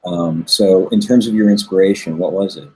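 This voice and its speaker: A man hosting an interview, asking measured questions and summarizing his guest's points. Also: low voice, steady tone, a little mellow, breathy edge, rough recording. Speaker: interview host.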